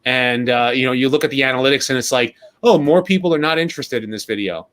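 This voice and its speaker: A man in his thirties on a livestream over a video call, talking haltingly while showing off toys. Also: mid-range voice, fairly bright tone. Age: 30s. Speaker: guest collector. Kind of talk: casual livestream chat.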